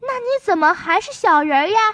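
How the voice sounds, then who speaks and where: A woman's voice: very high voice, animated, fast talker, fairly bright tone. Woman voicing a gullible little boy. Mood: childish. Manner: eager, childish pleading.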